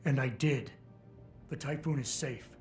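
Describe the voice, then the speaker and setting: An actor playing a stoic, cool cyborg security chief in a video game, speaking in a terse, restrained, dry way. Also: male voice, medium pitch, measured pace, darkish tone, faint music behind, natural voice. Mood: firm, restrained. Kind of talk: video game dialogue acting.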